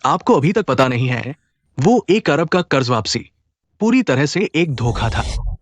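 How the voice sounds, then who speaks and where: A man's voice: fairly high pitch, sing-song, measured pace, heavily acted. A young man playing a sly, scheming figure in a dubbed drama, speaking smugly.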